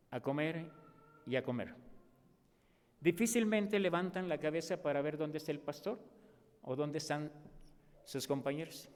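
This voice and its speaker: A man with a Mexican accent preaching a sermon as pastor, animated and acting out the voices he quotes. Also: fairly high pitch. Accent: Mexican Spanish. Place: church. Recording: long reverb of a church hall.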